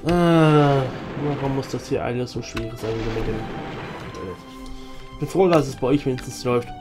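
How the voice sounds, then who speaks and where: A man's voice: medium pitch, moderate pace, music in the background. A man with a German accent streaming a video game, reading its dialogue aloud and muttering comments to himself in a casual let's-play style.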